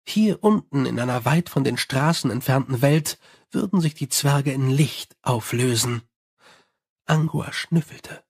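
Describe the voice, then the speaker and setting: A man reading an audiobook in measured storytelling narration. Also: medium pitch, a little mellow, slightly rough, no echo, studio quality. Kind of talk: scripted narration.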